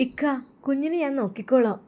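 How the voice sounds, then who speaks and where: A woman's voice: sits high, animated, fast, dark tone, voice pushed up. A woman voicing a sweet, eager young woman who earnestly offers to help, in a storybook tale.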